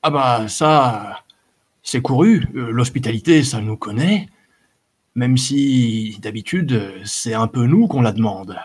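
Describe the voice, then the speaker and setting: Brief: man voicing fat husky bandit captain, sly, drawling, audiobook. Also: mid-range voice, animated, slow. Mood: mocking. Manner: drawling, hesitant, crafty. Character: fat gruff male bandit chief, sly and greedy. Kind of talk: audiobook character voice.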